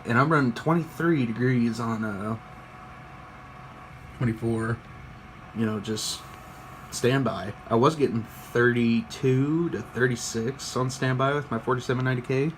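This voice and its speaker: A medium-pitched, unhurried voice comes from a tired young PC hobbyist vlogging his build, with slight background noise. He rambles casually through an off-the-cuff show-and-tell, swearing often and teasing himself.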